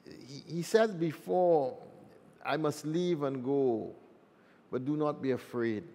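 A man's voice: fairly high pitch, slow pace, mellow. A priest reading the gospel and giving a homily in a plain, conversational way, with a long church echo on his voice. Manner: plain, conversational, with fillers and restarts.

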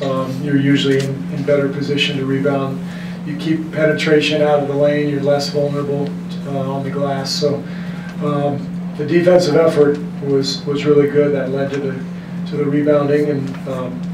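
A man in his fifties, a basketball coach answering at a post-game press conference, measured and frank, often restarting his sentences. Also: medium pitch. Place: press room in front of a team backdrop. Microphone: desk mic on a stand, recorded from the room. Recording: echoey room from far off with background noise.

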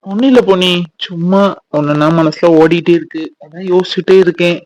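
A man's voice: high-pitched, fairly even intonation, fairly quick, darkish tone, no room sound, rough recording. A man acting a husband in a family drama, talking in a despairing, self-blaming way.

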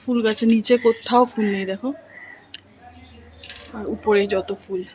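A woman from India chatting softly through a casual daily home vlog, rambling with little fillers. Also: medium pitch, steady tone, normal speed, slight background noise. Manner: talking softly so her son can sleep. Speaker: home vlogger.

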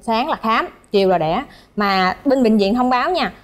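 A young woman, a guest telling a story in lively casual chat and laughing often. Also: on the high side, moderate pace.

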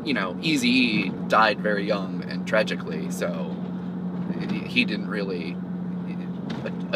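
A man co-hosting a podcast, chatting thoughtfully about music while driving, with many restarts. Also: mid-range voice. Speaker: podcast co-host. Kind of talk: casual chat on a road trip. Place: inside a moving car. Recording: distant mic, loud road noise in a car.

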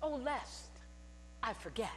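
Wearing a purple robe, an older woman speaks slowly in a voice on the high side as she testifies from the pulpit. She tells lively stories and trades call-and-response with the congregation; her headset mic captures the large sanctuary's long reverb and a mains hum.

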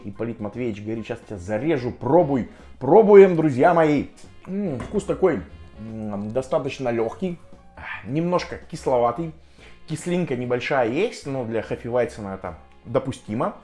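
A man giving a casual, chatty and jokey review to viewers, speaking with hesitant pauses as a vlogger. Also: mid-range voice, a little mellow. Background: music.

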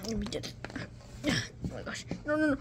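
Woman playing a game and chattering, kinda high voice, excitable, noisy mic. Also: moderate pace. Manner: excitable, swears, drops to whispers while hiding. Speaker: gamer. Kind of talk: casual gameplay commentary.

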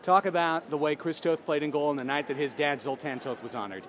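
A high-pitched man reporting from an indoor arena floor after a match. He asks brisk, stat-heavy questions, and faint arena noise hums behind him. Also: fairly even intonation, fairly bright tone. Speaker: sports reporter. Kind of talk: postgame field interviews.

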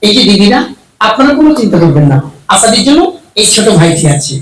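Brief: high-voiced male puppeteer, joking patter, echoey and distant with music. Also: big pitch swings, fairly bright tone. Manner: cheeky, rapid-fire joking. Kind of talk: live puppet show comedy patter.

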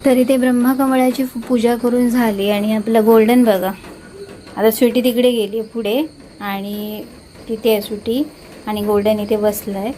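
A woman's voice: fairly high pitch, fairly even intonation, moderate pace, mellow, faint music behind, low-quality recording. A woman with a Marathi accent narrating a casual home pet vlog on her phone, chatting to viewers and scolding and coaxing her dog. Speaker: pet vlogger.

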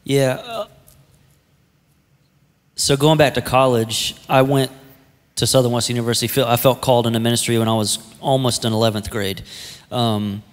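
A man in his thirties, an executive pastor, telling his story in a relaxed, chatty way on a church stage with a handheld mic. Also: medium pitch, moderate pace, long pauses. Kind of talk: casual church interview. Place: church stage set with armchairs. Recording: long reverb of a large hall.

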